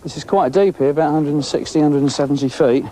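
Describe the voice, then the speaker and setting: Middle-aged male angling host, mellow and chatty, recorded outdoors on a boat at sea. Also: fairly high pitch, fast, slight background noise. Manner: chatty, excitable, talks while fishing. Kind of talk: casual on-location commentary.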